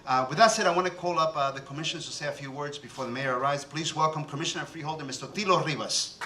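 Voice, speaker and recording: This Cuban-born emcee, raised in New Jersey and speaking with a Cuban-American accent, hosts an awards ceremony from an event hall stage, teasing the audience and poking fun at himself with quick jokes. His voice is on the high side, with background noise, and the roomy hall makes the mic sound distant.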